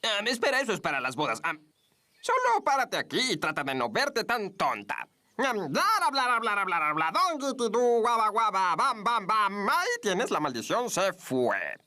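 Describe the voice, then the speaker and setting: A woman's voice: mid-range voice, huge pitch swings, normal speed, bright, forceful tone. A woman voicing a fussy male tamarin curse-breaker in a cartoon, petulant, sarcastic and self-important. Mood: bored, bossy.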